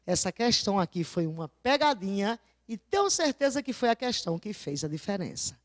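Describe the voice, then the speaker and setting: Animated woman teacher with quizzing questions. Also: mid-range voice, no room sound, studio quality. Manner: keeps asking her class rhetorical questions; didactic, stresses key words slowly. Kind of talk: video lesson going over exam answers.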